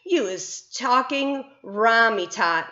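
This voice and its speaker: A woman's voice: on the high side, lively intonation, takes it slowly, sharp tone, heavily acted. A woman reading aloud and voicing a kind, nervous male giant who talks with jumbled grammar and earnest pleading. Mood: coaxing. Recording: roomy, dull lo-fi sound.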